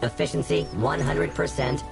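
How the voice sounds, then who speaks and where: A man's voice: medium pitch, normal speed, creaky. A man voicing a male machine system voice that reboots and reads out status reports in clipped announcements. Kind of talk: video game system voice. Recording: game audio with loud music behind.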